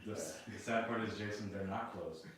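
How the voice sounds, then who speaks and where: A man's voice: lowish voice, a little fast. A man co-hosting a podcast who explains things in a thoughtful way in casual chat. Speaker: podcast co-host. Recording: far-off echoey room, faint noise.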